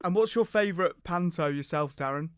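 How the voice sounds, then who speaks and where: A man's voice: on the high side, brisk, clear, resonant tone, no room sound, studio quality. A man hosting a casual radio quiz, chatty and self-deprecating, often hesitating as he goes. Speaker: radio host.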